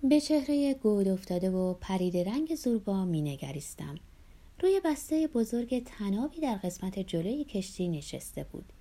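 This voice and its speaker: A woman narrating a literary audiobook in a soft, breathy, half-whispered reading voice. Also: mid-range voice, sing-song.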